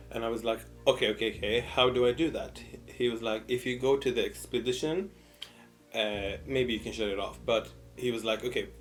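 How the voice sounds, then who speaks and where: A young man telling a casual personal story, repeating words for emphasis and acting out both sides of conversations in an animated way. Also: medium pitch. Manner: animated retelling with repeated words and quoted dialogue. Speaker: mukbang storyteller.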